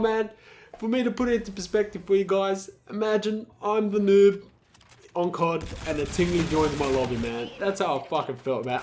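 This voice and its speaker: A young man giving a casual vlog update, congested from the flu, animated and slangy, swearing often. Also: on the high side, a little hiss or hum. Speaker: gaming YouTuber.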